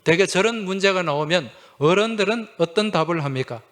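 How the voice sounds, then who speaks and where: A man's voice: sits high, lively intonation, a little fast, a bit bright. A male pastor delivering a Sunday sermon in a slightly raised voice. He keeps it conversational, putting questions to the congregation and answering himself with a short "yes". Humorous anecdotes come easily to him.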